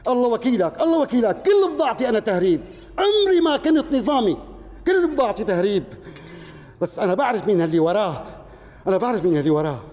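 A man's voice: high voice, big pitch swings, rapid-fire, darkish tone. An actor with a Syrian accent playing a merchant who insistently protests his innocence. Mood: protesting. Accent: Syrian Arabic. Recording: reverberant studio set.

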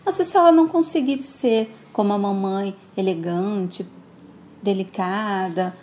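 A woman's voice: medium pitch, measured pace, darkish tone, lightly acted. A woman doing a doubtful young son.

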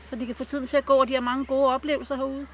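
A woman's voice: high-pitched, flat delivery, fairly bright tone, slight background noise. A middle-aged woman, a resident, speaking earnestly by a playground in a vox pop interview. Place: outdoors by a playground.

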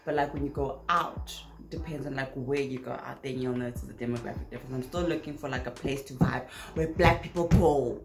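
Recording on a laptop camera at her desk in a small bedroom, a young South African vlogger with a very deep voice answers questions in a casual chat. Music plays behind her in the echoey room, and she stays lively, laughing in bursts and filling gaps with "like".

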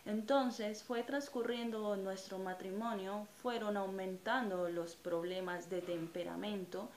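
A woman's voice: mid-range voice, fairly even intonation, measured pace, a little mellow. A Colombian woman in her thirties giving a personal religious testimony to camera, earnest and reflective, with frequent hesitant fillers. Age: 30s. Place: small indoor room in front of a curtain. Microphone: camera or phone at close range. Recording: echoey room with faint ambient noise.

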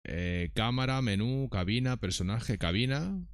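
A man's voice: mid-range voice, lively intonation, unhurried, no echo, clean studio sound. A man streaming a game, muttering to himself with exasperation while reading menu options aloud. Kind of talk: live gameplay commentary.

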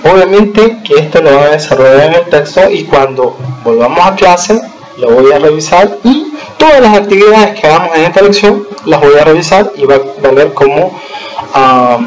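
A man teaching an English lesson to schoolchildren, explaining slowly and patiently and pausing to check they follow, slowing down to spell out example sentences. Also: on the high side, expressive, rough recording. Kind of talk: recorded remote lesson over slides.

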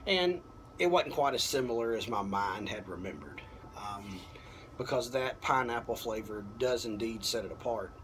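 A man in his thirties gives a casual, unhurried product review to camera, often halting as he thinks aloud. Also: fairly low pitch, lively intonation. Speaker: pipe tobacco reviewer. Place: apartment balcony at night. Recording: clearly noisy, outdoor ambience.

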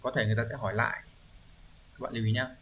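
A man's voice: mid-range voice, level tone, racing, fairly bright tone, dull audio, a little hiss or hum. A male language teacher going through exam vocabulary questions, explaining readings step by step and often checking with his students. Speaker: Japanese teacher. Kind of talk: exam review lesson.

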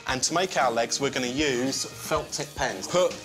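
A man walks the viewers through a craft project step by step in a clear, practical manner. His voice is of medium pitch for a man, and loud music plays underneath. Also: moderate pace. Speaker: craft expert guest. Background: background music.

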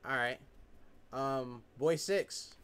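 A man's voice: medium pitch, drawn-out words, fairly bright tone, clear, resonant tone. A young man hosting an online blind date game, talking loose and slangy into a headset. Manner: loose slangy talk, easygoing, organizing the call. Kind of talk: casual streamed chat on a group video call. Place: indoor room, streaming setup.

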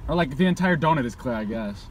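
A man's voice: medium pitch, animated, fast, slight background noise. A young man ordering casually from inside a car, hesitant, repetitive and vague. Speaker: prankster customer ordering from a car. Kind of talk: casual, stalling back-and-forth. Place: inside a parked car at a drive-thru. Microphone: camera on the passenger side.

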